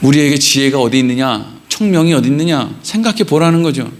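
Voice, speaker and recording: A man preaching a Wednesday sermon as pastor, animated, acting out questions and quotes. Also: medium pitch, fairly quick, a little hiss or hum. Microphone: livestream.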